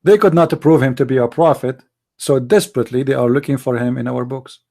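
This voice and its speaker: Hosting a live-streamed, call-in religious debate show, a man fires off combative rhetorical questions in non-native English. His medium-pitched voice is mellow with vocal fry and moves a little fast.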